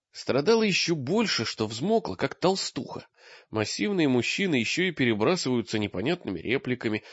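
Expressive male audiobook narrator. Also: medium pitch, dry recording. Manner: lively, expressive storytelling. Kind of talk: scripted narration. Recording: dry, dull lo-fi sound.

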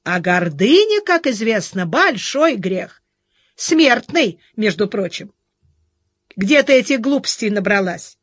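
A woman's voice: medium pitch, very animated, slow pace. This is a caring husband from an audiobook, read by a woman. He talks in a firm, insistent way and scolds a little. The sound is dry, with no room echo. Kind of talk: audiobook character reading.

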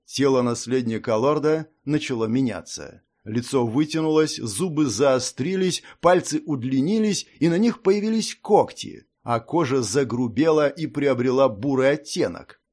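Man narrating an expressive fantasy audiobook. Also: medium pitch, moderate pace, hardly any pauses. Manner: expressive storytelling. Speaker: audiobook reader.

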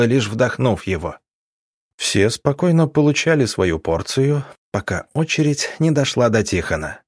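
Low-voiced male audiobook narrator. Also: no echo, clean studio sound.

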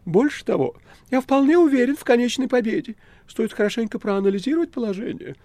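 A man voicing a boastful, scheming male demon cat in a shrill falsetto, with mock-pleading theatrics. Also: animated, fast talker, warm tone, no echo. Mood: smug.

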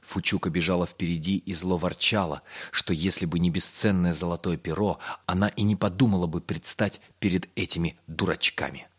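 A man narrating a fairy tale in a measured, expressive storytelling manner. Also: low-pitched, husky.

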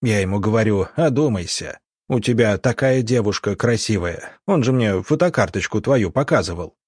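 A man voicing a smug, scheming military doctor who wheedles and snarls, with a husky voice. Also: lowish voice, expressive, normal speed, a little mellow, no echo, clean studio sound. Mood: wheedling.

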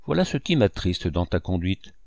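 A man reading the part of a grave, kindly ship's doctor, earnest and gently reproachful. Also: low-pitched, big pitch swings, normal speed, gravelly, no room sound, studio quality, exaggerated voice. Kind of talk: audiobook dialogue reading.

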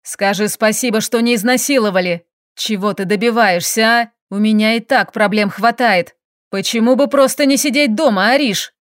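A woman's voice: medium pitch, steady tone, moderate pace, few pauses, no echo, clean studio sound, lightly acted. A woman reading the part of an angry, domineering husband who barks and scolds, in a storybook reading. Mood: scolding. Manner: barking, gruff, scolding.

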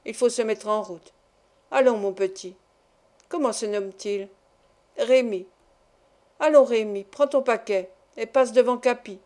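A woman reading a calm, stern old showman. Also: fairly high pitch, unhurried, pauses often, close to an everyday voice. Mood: firm. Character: stern but gentle old travelling showman. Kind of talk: audiobook reading.

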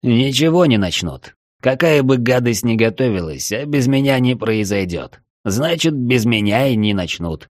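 A man's voice: medium pitch, expressive, moderate pace, no room sound, clean studio sound, voice pushed up, close to an everyday voice. A man doing a cocky, joking young raft captain. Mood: wry. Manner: wisecracking, brash.

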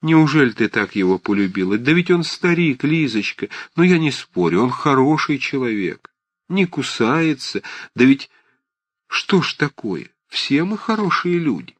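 A man's voice: a little high, sing-song, normal speed, husky, no echo, voice pushed up. A man voicing a blunt, fussy elderly aunt who scolds and fusses with emphatic, agitated speech, read for an audiobook. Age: older. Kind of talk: audiobook character reading.

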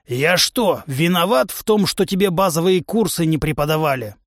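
A man's voice: fairly high pitch, lively intonation, normal speed, no room sound, studio quality. A man voicing a huge, hot-tempered male musk-ox humanoid who trains fighters with a club, in a blustering drill-sergeant manner. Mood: lecturing. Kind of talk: audiobook character voice.

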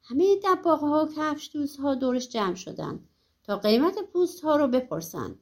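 High-voiced woman narrating a folk tale. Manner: lively, animated storytelling. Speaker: audiobook narrator. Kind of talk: expressive storybook narration.

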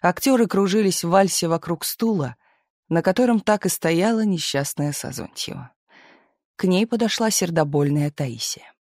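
A narrator reading a novel aloud in scripted narration with an even storytelling delivery. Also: mid-range voice, moderate pace, no echo. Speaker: audiobook narrator.

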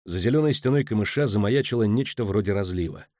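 A man narrating an audiobook with a steady, dramatic reading. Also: fairly low pitch, fast, no room sound, clean studio sound. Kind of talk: scripted narration.

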